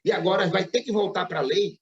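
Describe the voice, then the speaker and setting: A man's voice: sits high, a little fast, roomy sound, dull audio. A Brazilian man giving a spiritist public lecture, telling a story with frequent asides and tag questions. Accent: Brazilian Portuguese. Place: lecture hall.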